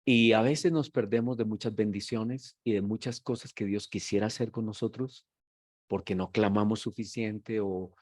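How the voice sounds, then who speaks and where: A man preaching a sermon as pastor. His delivery moves between quiet, reflective talk and loud, emphatic shouting. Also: fairly low pitch, steady tone, moderate pace, dry recording, clean studio sound. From Colombia.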